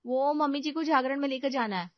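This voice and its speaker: A woman's voice: sits high, fairly quick, no room sound, voice pushed up, lightly acted. A woman playing a polite young working wife. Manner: polite, deferential. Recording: dull lo-fi dry recording.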